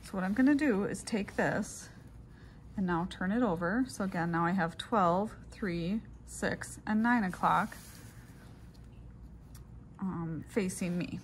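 A woman's voice: mid-range voice, slow, pauses often. A woman instructor narrating a practical lab demonstration step by step. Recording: clearly noisy room recording.

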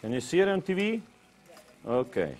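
On a kitchen demonstration set, a man from Tuscany, Italy talks through his cooking in broken English with Italian interjections; Italian is his native language and he has an Italian accent. His medium-pitched voice is sing-song, fairly quick, and darkish in tone.

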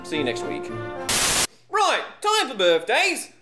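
A pompous monster lord as a puppeteer plays him hosts a comic puppet vlog. The voice swings in lively pitch, with aristocratic airs and music behind. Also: slow pace, exaggerated voice. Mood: brisk. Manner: pompous, animated, British-style slang. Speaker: host.

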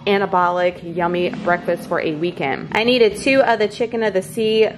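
Music plays in the background as a woman walks her viewers through a grocery haul indoors at her kitchen. She keeps an upbeat, casual chat going in a steady, mid-range voice at normal speed.

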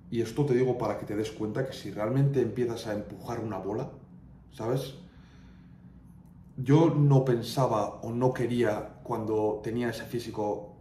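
A young man from northern Spain opens up in a loose, candid chat, tossing in "tío" and "¿sabes?" as fillers. His voice is mellow and dark-toned. It echoes around the room from a little way off the mic, with faint ambience underneath. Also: medium pitch, a little hiss or hum. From Navarre, Spain. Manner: colloquial, candid, peppers speech with "tío" and "¿sabes?". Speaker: online fitness coach. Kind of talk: casual confessional chat. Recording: roomy sound, mic at a distance, faint ambience.

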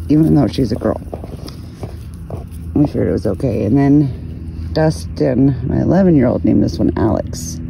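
A woman in her thirties filming her goats outdoors on her phone, chatting casually, laughing and cooing at the animals in a higher voice. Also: vocal fry. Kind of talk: casual phone vlog narration. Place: outdoors in a farm pasture at sunset. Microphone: phone held while filming. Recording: outdoor phone audio with background noise. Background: goats and outdoor ambience.

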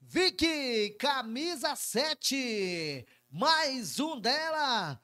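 High-pitched Brazilian man, explosive goal commentary. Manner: excited, shouting, drawn-out words on goals. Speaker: football match commentator.

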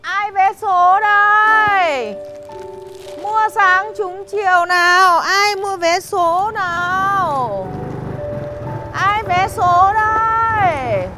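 A woman's voice: very high-pitched, very slow, heavily acted. A woman playing a poor elderly lottery ticket seller who pleads and weeps. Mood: hawking. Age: older. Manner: pleading, sobbing and wailing. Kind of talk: web drama acting. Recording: loud background music.

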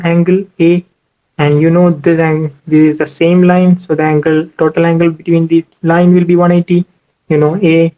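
Recorded as voice-over for a tablet screen capture, this man teaches ship navigation on a whiteboard, explaining each step and saying "you know" often. His voice is a little high, and the highs are cut off.

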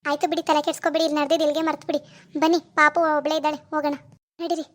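Loyal cartoon wife, firm and scolding, voiced by a woman, very fast. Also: sits high, flat delivery, dry recording, natural voice. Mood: reassuring. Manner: scolding, then firm and reassuring. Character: fierce, loyal young wife. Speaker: narrator who greets viewers. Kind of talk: cartoon voice acting.

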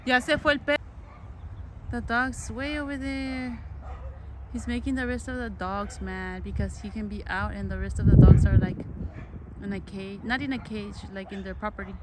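A vlogger with a medium-pitched, steady voice speaks at normal speed as she walks outdoors among stone ruins and down a park path, filming on her phone. Her casual chat mixes Spanish and English, and the outdoor recording is noisy.

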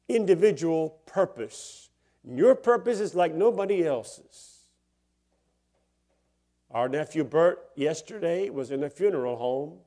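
A man's voice: a little high, warm tone. Older male pastor, storytelling sermon. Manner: conversational, chuckles often, rising to emphatic bursts. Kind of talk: sermon with personal stories.

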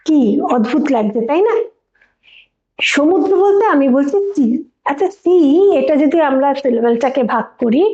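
A woman psychologist with a Bengali accent from West Bengal, calmly explaining things to parents and posing rhetorical questions. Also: sits high. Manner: calm, asks rhetorical questions. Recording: echoey room, dull lo-fi sound.

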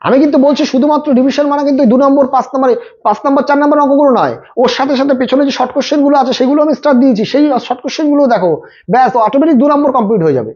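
A very high-pitched man with a darkish tone gives last-minute maths exam tips in a lo-fi recording. Talking straight to his students, he's rapid and repetitive, coaching them and going back over his points.

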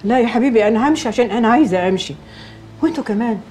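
A woman playing a fast-talking, fussy older mother. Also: on the high side, animated, a little mellow, a little hiss or hum, close to an everyday voice. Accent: Egyptian. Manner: scolding, exasperated, repeating herself. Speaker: mother-in-law.

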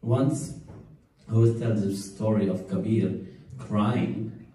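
A middle-aged man giving a spiritual discourse as a serene guru, in short phrases with long pauses. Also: on the low side, steady tone, dark tone. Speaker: spiritual teacher. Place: large indoor temple hall, recorded from the audience. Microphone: distant camera among seated listeners. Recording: echoey hall, distant audience camera.

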